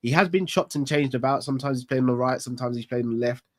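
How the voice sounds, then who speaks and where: Rapid-fire and mid-range, the voice of this football fan channel host comes through a dry recording, thick with congestion from a cold. He's hosting a live fan stream on a small studio set adorned with club decor, chatting candidly and casually while thinking aloud in rhetorical questions.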